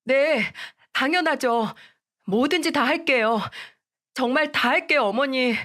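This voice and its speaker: A high, pleading young wife begs her in-laws in a spoken radio story, as a woman puts her on. Her voice sits above a woman's usual pitch and keeps a begging tone. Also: unhurried, a bit bright. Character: young woman, a tearful pleading daughter-in-law.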